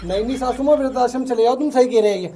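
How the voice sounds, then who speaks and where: A performer playing a sharp-tongued young daughter-in-law in a comedy sketch, brash and dismissive. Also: medium pitch, rapid-fire, background noise, close to an everyday voice.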